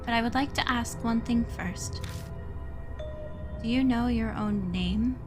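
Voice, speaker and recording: Woman acting as living doll maid, creepily calm, refined, formal, higher-pitched, horror game character, clear music behind. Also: a little slow, close to an everyday voice. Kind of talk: scripted visual novel character voice.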